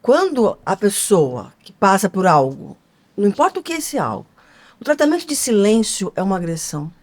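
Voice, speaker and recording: A woman co-hosting a podcast speaks in a mid-range, darkish voice, fairly quick and very animated. Her conversational talk is earnest and emphatic, sprinkled with rhetorical questions.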